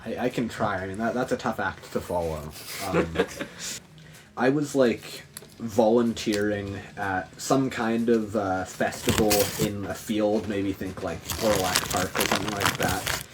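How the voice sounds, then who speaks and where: A young man speaking in a measured, thoughtful way in a casual chat. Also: on the low side, noisy background. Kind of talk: casual group chat about dreams.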